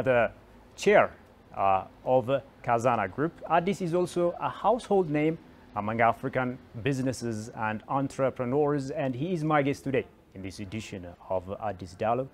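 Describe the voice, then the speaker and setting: A man's voice: mid-range voice, slight background noise. A man hosting a televised interview show, asking long questions with many fillers and restarts. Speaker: TV talk show host. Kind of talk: broadcast interview.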